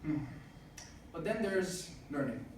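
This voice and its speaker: Speaking slowly, a twenty-something man offers heartfelt motivation at a student business event, his pitch on the high side and swinging widely. "Uh" comes up again and again. The hall recording is far off, noisy, and echoey.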